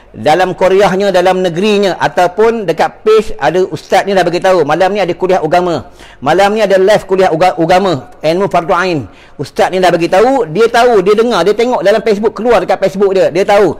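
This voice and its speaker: High-voiced Malaysian man preaching. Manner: preachy, repeats phrases, addresses audience as tuan-tuan. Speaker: religious teacher giving a mosque lecture. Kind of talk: sermon.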